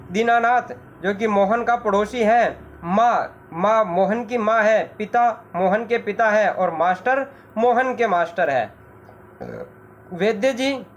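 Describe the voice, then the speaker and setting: A Hindi teacher explaining a school play, going slowly and repeating each point, pausing to give the meanings of words. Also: medium pitch, slight background noise. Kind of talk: classroom lesson explanation.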